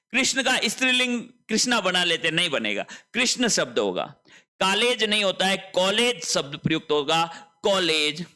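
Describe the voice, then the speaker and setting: A man's voice: high voice, sharp tone. A male Hindi teacher giving an online spelling lesson, repeating each word and asking and answering his own questions.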